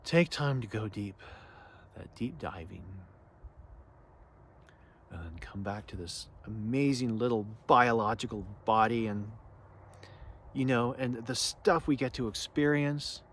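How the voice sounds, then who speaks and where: A man of ordinary pitch gives an unscripted spiritual talk, earnest and reflective. He speaks haltingly, stops to restart phrases and leans on "you know" as he searches for words. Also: fairly bright tone, a little hiss or hum. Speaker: spiritual teacher.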